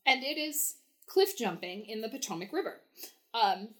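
A woman's voice: on the high side, lively intonation, normal speed. A young woman telling a story as a podcast guest, chatty, with many fillers and frequent laughs. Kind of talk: casual storytelling.

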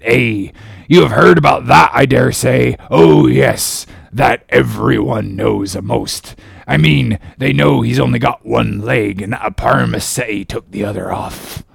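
An actor playing a ragged, ominous old sailor who talks in cryptic warnings and sometimes bursts out shouting. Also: male voice, mid-range voice, no echo, clean studio sound, heavily acted. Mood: agitated. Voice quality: gravelly, growling. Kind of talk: audiobook drama acting.

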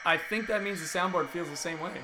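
A man with a slightly high voice hosts a podcast in relaxed, joking chat. His tone is wry and playful, and the talk is recorded in an apartment. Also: quick pace, noisy background. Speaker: podcast host. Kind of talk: casual chat. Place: apartment with dimmed lights.

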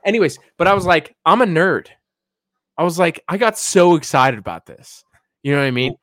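A man's voice: fairly high pitch, expressive, fast, fairly bright tone, dry recording, clean studio sound. A man chatting casually as a podcast co-host in a joking, slangy frat-bro way. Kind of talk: casual banter.

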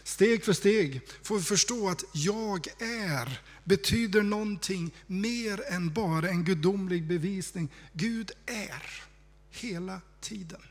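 A man preaching a sermon in a conversational, reflective way, dropping to hushed tones for emphasis. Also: sits high.

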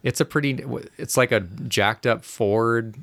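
A man's voice: medium pitch, fairly bright tone, dry recording, clean studio sound. A man casually reminiscing in conversation, often restarting his sentences and laughing as he tells a story. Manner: halting, restarts and laughs while telling.

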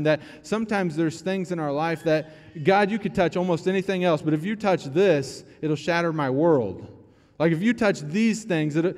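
A man's voice: medium pitch, a little mellow. A man in his thirties preaching a sermon in a casual, conversational way, often repeating words and restarting. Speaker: pastor. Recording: long hall reverb.

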